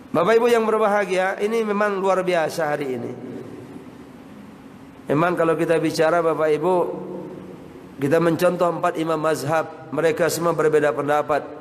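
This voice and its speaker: A male Islamic preacher giving a sermon, constantly addressing his audience as sir and madam. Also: sits high. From Indonesia. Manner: addresses the audience constantly as Pak and Bapak Ibu. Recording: hall reverb with faint noise.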